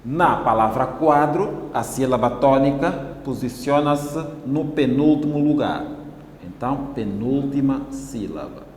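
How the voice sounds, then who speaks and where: A male teacher with an Angolan Portuguese accent, giving a televised classroom lesson and spelling out syllables slowly and deliberately. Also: medium pitch, expressive, darkish tone, a little hiss or hum. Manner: slow, deliberate, syllable-by-syllable explaining. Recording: echoey room with long reverb.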